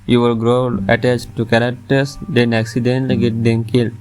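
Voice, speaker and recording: Man narrating a top ten countdown, even pitch. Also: normal speed, clear, resonant tone. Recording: music under the voice.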